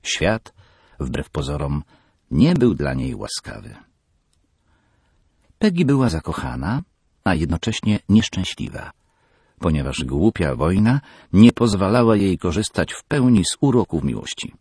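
Very deep, gravelly male narrator. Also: a little slow, pauses often, no room sound, clean studio sound. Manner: expressive storytelling with lively emphasis. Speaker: audiobook narrator. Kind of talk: scripted narration.

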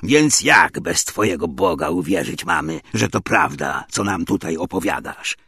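Man voicing a Soviet officer, Russian-tinged Polish, barking, threatening, husky voice, lively pitch. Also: a little slow, no echo, clean studio sound, full character voice. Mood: stern. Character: stern angry male Soviet officer interrogator.

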